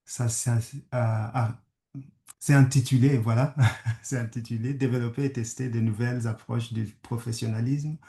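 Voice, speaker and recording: A conflict studies professor, a French man from Kenya who speaks English as his first language, gives a hesitant webinar presentation as a guest speaker. His voice is gravelly, mid-range, mellow and steady, but he halts repeatedly, using many fillers and restarts. The video call picks up an echoey room.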